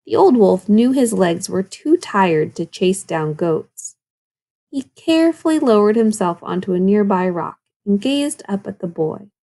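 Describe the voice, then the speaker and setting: A second-grade teacher with a warm, mid-range voice reads a children's story, very animated and a little slow. She reads expressively and breaks off with instructive questions aimed at her young pupils.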